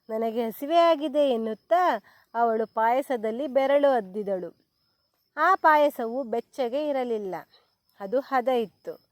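A woman reading a children's story aloud in a slow, clear, expressive storytelling manner. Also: fairly high pitch, dry recording, studio quality.

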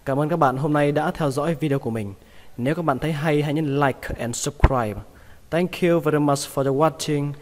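A man teaching English vocabulary, repeating each word slowly and patiently. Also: on the high side, big-room sound. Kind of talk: vocabulary lesson.

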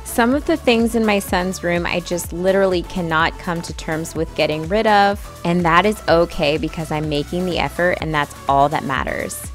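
A woman's voice: on the low side, normal speed, hardly any pauses, music in the background. Friendly young woman narrating a vlog. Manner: friendly, addresses viewers directly. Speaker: vlogger. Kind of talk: voice-over narration for a cleaning vlog.

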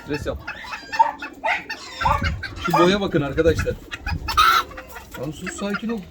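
A poultry hobbyist vlogs casually while unboxing birds, chatting directly to viewers in a lively way and coaxing the birds to come and calm down with soft repeated calls. His voice sits high at a normal speed, over loud background noise of clucking chickens.

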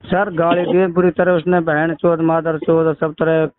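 Over a narrow-band, tinny phone line, a caller from India's Mewat region complains in a Mewati accent, rambling and aggrieved as he recounts his grievance and swears now and then. His voice is fairly high and flat, a little slow, with a touch of hiss or hum.

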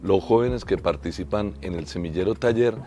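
A man, a theatre teaching artist, explaining his workshop in a measured way. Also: low-pitched. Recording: soft music underneath.

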